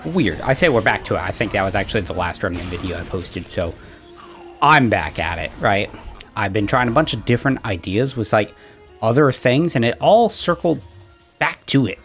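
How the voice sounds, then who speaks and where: A man's voice: lowish voice, expressive, moderate pace, a bit bright, soft background music. A man casually commenting on his game build, chatty and rambling with lots of fillers, a little out of breath after exercising. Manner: chatty, rambling, frequent fillers and "right?" asides. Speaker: gaming channel host.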